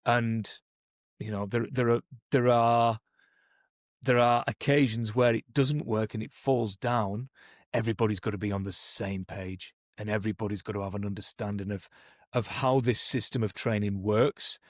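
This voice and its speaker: With a fairly low, steady voice at normal speed, a man explains coaching methods on a podcast he co-hosts. He's a performance coach whose first language is English, speaking thoughtfully and conversationally with many restarts and "you know"s, in a clean, echo-free studio.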